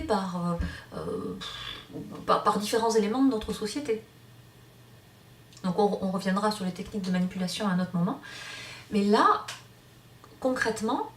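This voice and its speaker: A woman's voice: mid-range voice, distant mic, slight background noise. A woman teaching a hypnosis course, explaining off the cuff with many fillers and restarts. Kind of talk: online lecture. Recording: roomy sound from off-mic.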